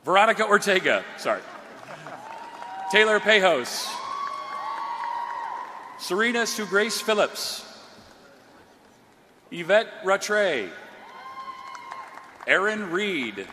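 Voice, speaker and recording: A man reading out graduates' names one by one at a commencement ceremony, slow and drawn out, through a podium microphone. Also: high-pitched, big pitch swings. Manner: slow, drawn-out announcing of each name. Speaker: commencement name reader. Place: large graduation ceremony hall. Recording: long hall reverb, crowd noise.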